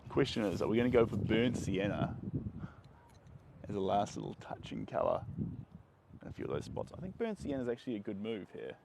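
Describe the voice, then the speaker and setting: A young man teaches painting on a live stream from a sandy beach on a sunny day, holding his phone at arm's length. The phone audio picks up clear wind and outdoor noise, and the wind strains his voice a bit. He sounds enthusiastic and chatty, very animated and a little fast, with a low-leaning voice and long pauses.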